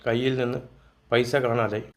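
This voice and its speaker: A man's voice: medium pitch, level tone, normal speed, natural voice. A man voicing a small frightened boy who pleads tearfully with his grandmother.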